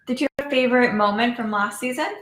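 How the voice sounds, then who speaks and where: A woman's voice: a little high, quick pace, a bit bright, a little hiss or hum. A woman hosting a live shopping stream, prompting the guest with upbeat questions. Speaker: stream host. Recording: roomy, off-mic.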